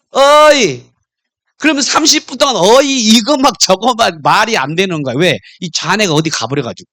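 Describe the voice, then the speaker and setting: A man preaching a sermon as pastor, telling stories in an animated way and acting out couples' quarrels. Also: sits high, dry recording, clean studio sound.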